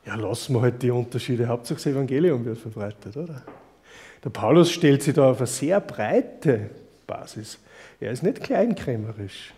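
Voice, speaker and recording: Mellow-voiced preacher, chatty. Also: male voice, medium pitch, animated, moderate pace. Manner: chatty storytelling with rhetorical questions to the listeners. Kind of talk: conversational Bible teaching sermon.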